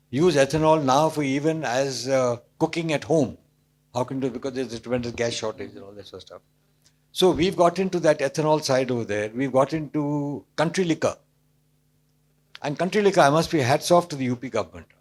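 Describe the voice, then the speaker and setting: An older man from Calcutta with an Indian accent, explaining things emphatically in short measured phrases as an interview guest. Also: medium pitch, darkish tone. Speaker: interview guest, business executive.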